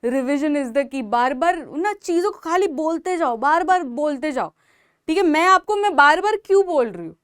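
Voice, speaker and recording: A young Indian woman teaching biology for exam prep, talking loudly and emphatically, repeating points and urging her students to work hard. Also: high voice, animated, normal speed, no room sound, studio quality. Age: young adult. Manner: emphatic, repetitive, motivational, calls out loudly to students. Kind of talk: exam-prep lecture in Hindi mixed with English.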